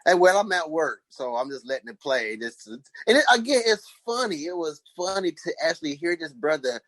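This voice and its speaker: A man co-hosting a laid-back podcast, his pitch swinging widely as he tells his stories. He breaks into laughter often and talks in a loose, animated way. The sound is dry and close, with little room around it. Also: brisk, no echo. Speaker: podcast co-host. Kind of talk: casual chat. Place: at work, listening on headphones.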